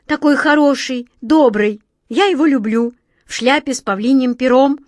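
Cast a woman as a teasing boyish wind sprite for a storybook, very high, singsong and chiming, dry close sound. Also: moderate pace, darkish tone, no room sound, lightly acted. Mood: playful. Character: playful childlike wind spirit, boyish, teasing.

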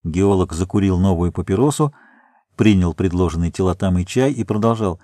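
A man narrating a novel as an audiobook in an even, unhurried reading. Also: deep voice, dry recording, clean studio sound.

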